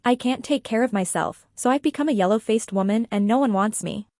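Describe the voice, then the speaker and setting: A woman reading a bitter young woman in a storybook, her voice sitting fairly high as she hurls blame. She stays resentful and accusing, and the sound is close and dry. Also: brisk, darkish tone, no echo, close to an everyday voice.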